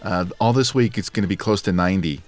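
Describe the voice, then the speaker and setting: Talking fast in a low, darkish voice made scratchy and dry by allergies, this man co-hosts a podcast. The chat is casual and playful, and he jokes and laughs frequently over soft background music.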